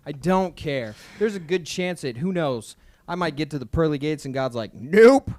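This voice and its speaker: A man's voice: on the high side, moderate pace, a little mellow, dry recording, studio quality. A young man co-hosting a podcast in casual chat, blunt and dismissive, swearing freely. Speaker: podcast co-host.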